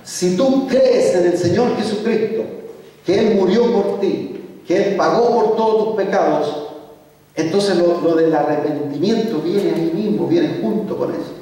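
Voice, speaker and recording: A man's voice: high-pitched, unhurried, mellow. A man leading an evangelism workshop in a church, teaching conversationally and often repeating or correcting himself mid-sentence. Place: church hall. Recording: echoey church hall, mic far off.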